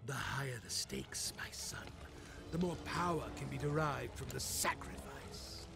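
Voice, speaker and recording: A man voicing a sinister devil in a video game, coaxing a boy to murder in a slow, menacing whisper. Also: mid-range voice, gravelly. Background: loud game music.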